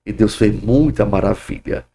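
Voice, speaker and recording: Gravelly, fervent middle-aged pastor. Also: male voice, fairly low pitch, moderate pace, dark tone, a little hiss or hum. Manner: fervent, bursts of "glória" and "aleluia". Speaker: pastor, podcast guest. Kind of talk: testimony in a podcast interview.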